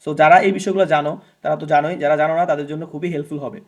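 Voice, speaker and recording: A young male teacher with a fairly high voice gives a beginners' grammar lesson. He asks his students questions and answers them himself, and he says sounds over slowly so they can repeat them. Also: steady tone. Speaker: English teacher.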